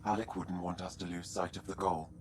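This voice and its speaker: A man voicing a flat-toned male AI companion. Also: sits low, brisk, close to an everyday voice. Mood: solemn. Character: calm male AI companion, steady and measured. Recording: game audio with ambient noise.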